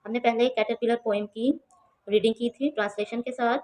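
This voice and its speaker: Slow, careful woman teaching English. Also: fairly high pitch, steady tone, darkish tone, poor audio. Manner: spells out words letter by letter and translates every phrase; reads English lines slowly and carefully. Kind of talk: home lesson explaining an English exercise.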